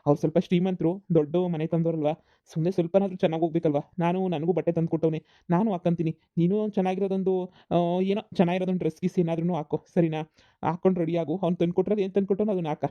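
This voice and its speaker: A performer voicing a patient young village husband in a cartoon comedy, giving calm instructions. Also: mid-range voice, fast, no room sound, close to an everyday voice. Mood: instructing. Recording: dull lo-fi dry recording.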